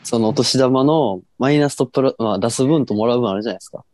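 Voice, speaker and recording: A man's voice: medium pitch, quick pace, a little mellow, a little hiss or hum. A man in his twenties with a Kansai accent, chatting casually as co-host of an amateur radio show. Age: 20s. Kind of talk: casual banter.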